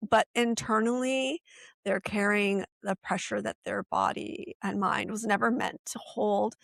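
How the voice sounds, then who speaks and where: A woman in her late forties, a guest on a podcast, speaking in an upbeat, animated way. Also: mid-range voice, unhurried, creaky, dry recording. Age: 40s. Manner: upbeat and animated, quoting others with lively emphasis. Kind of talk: casual podcast conversation.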